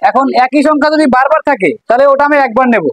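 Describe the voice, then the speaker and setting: Woman teacher, Bangladeshi Bengali accent, higher voice, dry close sound, coaxing a class. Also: fast talker, no room sound, poor audio. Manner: coaxing, asks questions and repeats answers. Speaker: math teacher. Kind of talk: classroom lesson to students.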